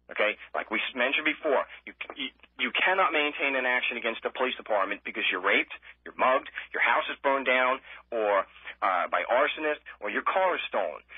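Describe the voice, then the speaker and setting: American male, sarcastic, argumentative ranter. Animated pitch, rough-edged husky tone, heard through narrow phone-like radio sound. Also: no room sound. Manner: emphatic, argumentative, with rhetorical questions and repetition. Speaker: political speaker. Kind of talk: impassioned anti-government monologue. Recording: band-limited, tinny phone or radio sound.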